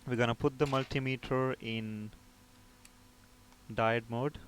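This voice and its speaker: This man speaks at medium pitch in a steady tone and takes his time. As a repair technician instructor, he walks through an informal technical tutorial step by step, frequently raising questions and then answering them himself. There's no background noise.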